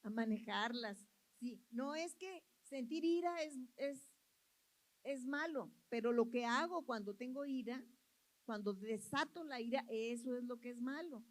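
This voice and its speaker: High-voiced woman preaching. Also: measured pace, rough recording. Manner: earnest, repeats phrases, asks the congregation questions. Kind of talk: sermon.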